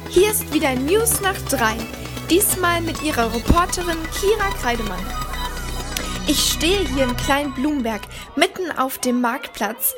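A woman's voice: high voice, animated, unhurried, over music. A woman voicing a bubbly female radio reporter talking to her listeners. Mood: eager.

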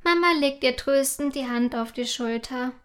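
A woman reading a children's bedtime story aloud in a gentle, calm manner. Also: high voice, moderate pace, clear, resonant tone.

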